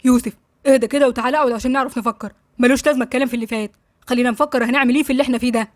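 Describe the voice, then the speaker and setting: Firm, calming brother read by a woman, Egyptian accent, dry close sound. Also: sits high, racing, no room sound, natural voice. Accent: Egyptian Arabic. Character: calm older brother trying to settle things.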